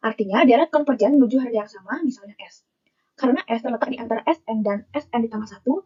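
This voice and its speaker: Young woman reading out math proofs step by step, husky and kinda mellow. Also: fairly high pitch, muffled recording. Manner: steady, reads formulas term by term. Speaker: university student presenter. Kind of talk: reading math lecture notes aloud.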